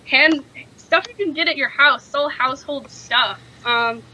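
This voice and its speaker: A woman's voice: high voice, normal speed, sharp tone, poor audio. A young woman co-hosting a casual podcast, explaining her craft projects in an easygoing way with many ums. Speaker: podcast co-host.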